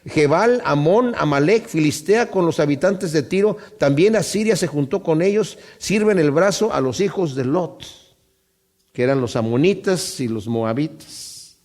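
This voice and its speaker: A man preaching a Bible-study sermon, speaking emphatically to his congregation and slowing down to read scripture aloud. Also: a little high, expressive, darkish tone. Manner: addresses the congregation directly.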